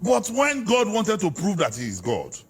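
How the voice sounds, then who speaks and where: Nigerian-accented man, fiery, emphatic, preacher-like, lively swooping pitch. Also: moderate pace. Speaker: political guest. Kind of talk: heated political interview.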